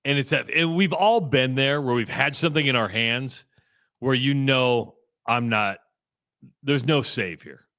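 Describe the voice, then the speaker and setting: A man's voice: mid-range voice, measured pace, sharp tone, no echo, clean studio sound. A man co-hosting a radio show, telling stories and building up to the punchline. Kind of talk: casual talk radio banter.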